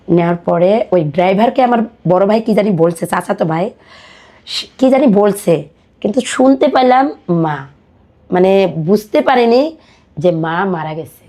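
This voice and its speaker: In a mellow, medium-pitched voice, a woman with a Bangladeshi accent recounts her life story as a guest on a podcast. Her speech is casual and halting.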